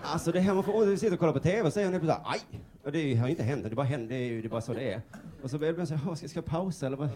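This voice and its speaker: A young man from Sweden does stand-up in a live comedy club, with a rowdy audience creating heavy background noise. Speaking at a fairly high pitch with hardly any pauses, he keeps things easygoing and conversational and frequently laughs as he talks.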